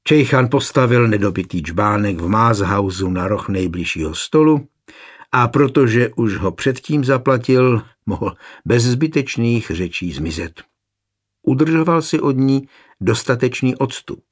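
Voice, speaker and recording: A man narrates an audiobook of a historical tale at a calm, steady pace. His voice sits in a middle register and has a husky grain. The telling is even and unhurried. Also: mid-range voice. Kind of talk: audiobook reading of a historical novel.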